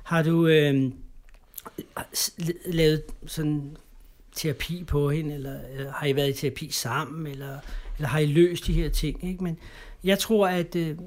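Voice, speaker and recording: A middle-aged man from Denmark, an interview guest, telling his personal story in conversation, halting and repeating words, ending lines with tag questions. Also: fairly high pitch, fairly even intonation.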